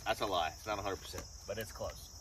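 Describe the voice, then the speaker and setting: Male, low register, speaking from the side of his mouth; casual work vlog, distant noisy outdoor mic. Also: fast talker. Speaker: vlogger. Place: outdoor woodyard under pines.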